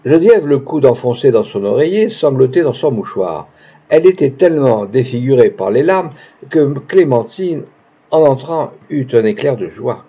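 Husky-voiced man reading a novel. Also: mid-range voice, animated, normal speed, dark tone. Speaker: audiobook narrator. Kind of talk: literary audiobook reading. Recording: dull lo-fi recording.

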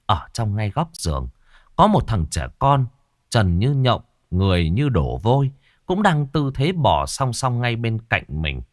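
A man tells a ghost story in a dramatic way. His pitch moves a great deal, rising and falling with the tension. His voice sits in an ordinary middle range. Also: measured pace. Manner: lively, dramatic telling.

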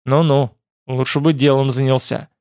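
A man's voice: medium pitch, little pitch movement, normal speed, darkish tone, lightly acted. A man doing a grumpy sarcastic young man. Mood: grumbling. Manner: grumbling, sarcastic. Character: grumpy young male clan heir, sarcastic.

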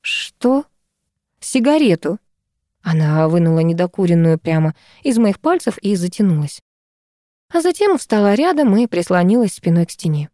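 A woman narrating a first-person audiobook in a lively, wry storytelling manner. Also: on the low side, moderate pace, dry recording, clean studio sound.

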